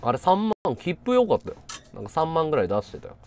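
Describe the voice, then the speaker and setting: Animated man telling a funny story. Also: fairly high pitch, fast talker, soft background music. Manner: acts out quoted people in changed voices, laughs often. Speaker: live streamer. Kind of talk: casual storytelling chat.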